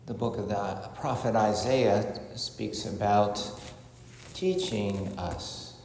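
A man serving as priest, reading the gospel and preaching a homily in a measured way with some hesitant fillers, his voice ringing with cathedral echo. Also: lowish voice, a little mellow, slight background noise. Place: large church. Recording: echoey church hall with long reverb.

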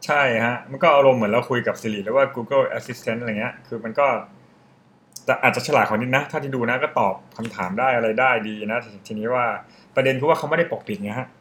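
A man's voice: medium pitch, a little fast, a bit bright. A young man co-hosting a casual podcast, explaining at length in a rambling, offhand way and openly admitting he is guessing. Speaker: podcast co-host.

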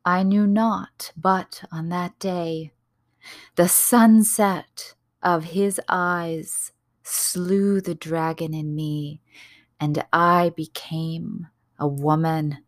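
A woman giving a dramatic, reverent reading of a narrative poem, hushed and lingering on words. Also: lowish voice, fairly even intonation, very slow, no echo, clean studio sound.

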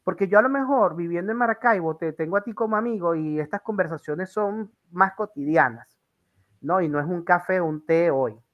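A man's voice: sits high, moderate pace, lo-fi sound. A Venezuelan man hosting an interview, chatting casually and telling rambling stories with lots of fillers. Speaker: interview host.

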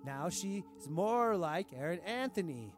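Man voicing a bombastic tyrant king, slow and self-adoring, a little high, comedic storybook villain, music underneath. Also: big pitch swings. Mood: pompous. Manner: grandiose, broken formal grammar, slow. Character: cruel pompous self-adoring dictator king, adult man. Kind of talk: comedic audio diary reading.

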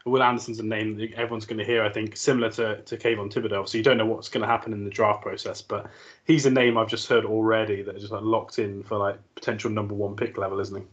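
A man's voice: lowish voice, flat delivery, quick pace, muffled recording. A man hosting a casual sports podcast, chatty and full of fillers as he asks questions. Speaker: podcast host.

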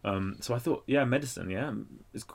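Brisk and medium-pitched, this man in his thirties is a guest author from Iraq with a London accent. He's energetic and chatty in a casual interview, full of fillers and quick to laugh.

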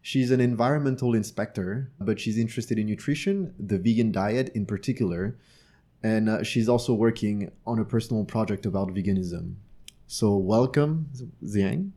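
A French man in his thirties co-hosts a podcast interview, speaking with a fairly low, dark voice at a moderate pace. His manner is casual, friendly and self-deprecating.

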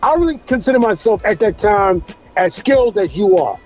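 A man's voice: high-pitched, expressive, brisk, darkish tone, soft background music. A man being interviewed over a phone call, talking casually and insisting on being heard out. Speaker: interview guest.

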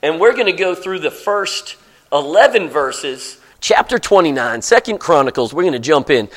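A man preaching a sermon in a church, playful and animated, moving from soft asides to excited outbursts. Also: a little high, normal speed.

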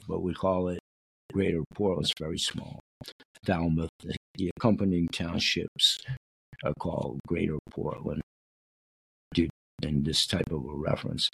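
A man's voice: low voice, creaky, husky, no echo, poor audio. A middle-aged man, hosting and reading aloud from a book, with rambling, repetitive asides of his own. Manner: digressive, repeats himself. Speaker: show host reading from a book.

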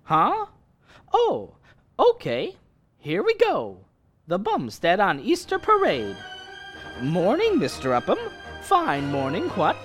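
An actor playing a good-natured, bumbling young husband with an eager, boyish manner in a radio comedy. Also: male voice, high voice, huge pitch swings, takes it slowly, long pauses, fairly bright tone, faint music behind, full character voice. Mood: fond, eager. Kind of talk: old-fashioned radio comedy acting.

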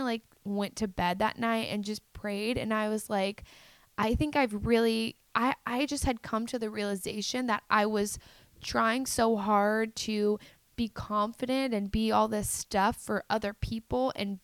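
A woman's voice: medium pitch, no room sound. A young adult woman telling a personal story to her viewers in an earnest, confessional way, full of "like" and "um". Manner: earnest, confessional, many fillers like "like". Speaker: vlogger.

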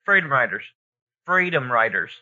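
A man's voice: mid-range voice, very animated, normal speed, sharp tone. A man co-hosting a podcast in casual, informal chat, rambling and thinking aloud as he gives his opinions. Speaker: podcast co-host. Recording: dull lo-fi audio.

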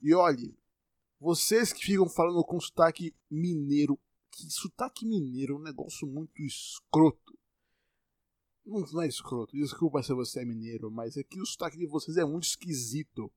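A man's voice: a little high, moderate pace, no room sound, clean studio sound. A young man with a Bahian Brazilian accent talking casually to the camera in a blunt, profane, ranting way. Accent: Bahian Brazilian Portuguese.

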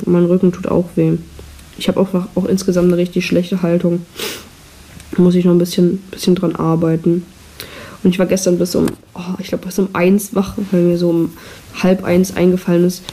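A teenage girl hosts her own podcast, chatting casually and rambling in a self-deprecating manner. Her voice is fairly low and mellow. The audio is poor, with hiss from a cheap microphone.

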